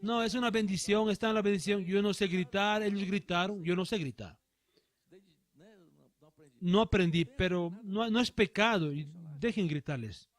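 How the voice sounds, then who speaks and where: High-voiced man preaching a sermon. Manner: emphatic preaching with slow stressed phrases. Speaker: pastor. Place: church.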